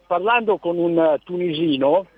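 A man phones in to a radio show, his high voice squeezed thin by the phone line. The sound is dry and close, with no room around it. He rambles and trips over repeated words as he makes his point. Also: measured pace, no echo. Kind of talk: call-in chat.

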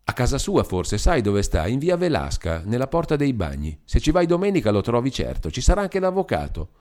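A man reading an audiobook, voicing a bold, fiery young wife in a raised, scornful tone. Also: brisk. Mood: eager. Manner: lively, scornful, raised pitch. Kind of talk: audiobook character voice.

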